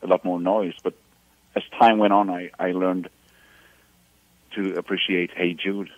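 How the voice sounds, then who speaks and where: A man from Sweden in his fifties talks in a lowish voice, often pausing and restarting his phrases as a guest. The sound is dry and a little dull, as if over a phone line. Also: no echo. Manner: hesitant, restarts phrases, animated about music. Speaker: musician guest. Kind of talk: radio interview over the phone.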